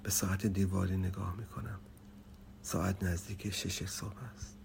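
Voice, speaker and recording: A man reading a story aloud, calm and measured, sometimes dropping almost to a whisper. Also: vocal fry, a little hiss or hum. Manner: calm, low-key and measured, dropping to a near whisper at quiet moments. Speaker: narrator.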